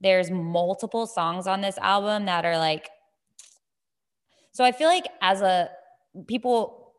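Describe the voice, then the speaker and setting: A woman's voice: mid-range voice, measured pace, clean tone. Woman podcast host in an echoing gym. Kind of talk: casual podcast chat. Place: indoor gym with strong echo. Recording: echoing gym, long reverb.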